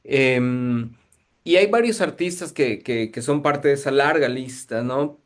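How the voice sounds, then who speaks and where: A man's voice: mid-range voice, unhurried. A man from Guatemala, a museum curator giving thoughtful, searching answers in an interview.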